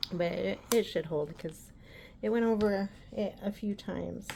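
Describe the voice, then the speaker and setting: A woman walks through a craft project in a relaxed, rambling way, full of ums and asides. Her pitch sits in an ordinary middle range. A faint room hum sits behind her voice. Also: a little slow, creaky. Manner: chatty, rambling, many ums. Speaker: embroidery tutorial host. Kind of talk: casual crafting tutorial.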